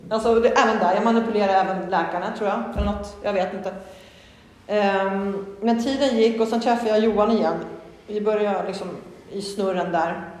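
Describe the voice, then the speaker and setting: A woman's voice: steady tone, darkish tone. A woman giving a candid, earnest personal testimony, rambling with many fillers and restarts. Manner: candid and earnest, with sudden rises in pitch. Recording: very echoey hall with long reverb.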